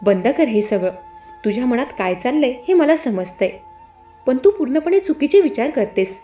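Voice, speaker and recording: A woman's voice: on the high side, expressive, moderate pace, roomy sound, faint music behind, lightly acted. A woman voicing a firm, stern adult man who argues with his wife and comforts his young niece. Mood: angry. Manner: firm, stern, then gently reassuring. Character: angry but caring husband and uncle, adult man.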